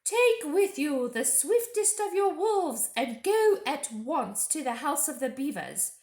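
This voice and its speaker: Cruel witch queen: raised pitch, forceful haughty commands, storybook villain, roomy sound. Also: sing-song, slow, heavily acted. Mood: commanding. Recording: roomy home echo.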